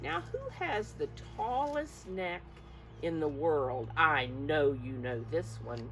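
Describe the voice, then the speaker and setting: In a low-pitched voice, a preschool teacher slowly reads a picture book to little children, coaxing and expressive, often asking them questions directly. A little hiss or hum runs through the recording.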